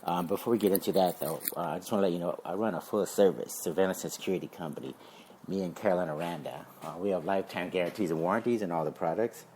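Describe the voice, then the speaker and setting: A man who runs a surveillance company chats casually in a promotional way, rambling and letting out small chuckles. He's slightly out of breath because he's outdoors wiping down his car. His voice sits low, he talks fast, and there's background noise.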